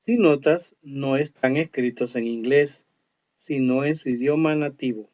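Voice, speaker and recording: A man teaching an online English lesson, explaining slowly and reading English words with care. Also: medium pitch. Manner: slow, explanatory, reads English words carefully. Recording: dull lo-fi audio.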